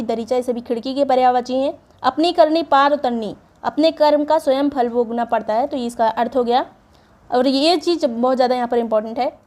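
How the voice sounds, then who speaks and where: A woman with a high voice teaches an exam prep lesson. She explains each point step by step and reads lists of words aloud one after another. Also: darkish tone. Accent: Hindi, North Indian.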